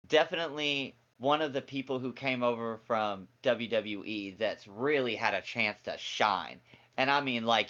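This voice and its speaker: A man in his forties co-hosting a casual wrestling review, excitable and jokey with a lot of slang. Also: mid-range voice, dull audio. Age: 40s. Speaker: co-host.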